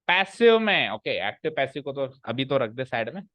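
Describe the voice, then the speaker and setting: Teaching English grammar to a class, this man is very animated, restating his points and asking the students questions along the way. He speaks at a moderate pace in a mid-range, slightly bright voice, with no room sound.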